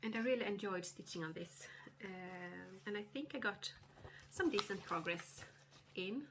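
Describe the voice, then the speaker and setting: A woman with a cold, sounding a little nasal, giving a casual stitching update vlog with many hesitant fillers and throat-clearing. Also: medium pitch, a little slow, noisy background. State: has a cold, slightly nasal. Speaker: cross-stitch vlogger.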